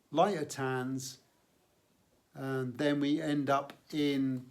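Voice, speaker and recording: Slow, measured man explaining menswear. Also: fairly high pitch. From United Kingdom. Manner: measured, explanatory, many fillers. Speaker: menswear channel host. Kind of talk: unscripted show-and-tell vlog.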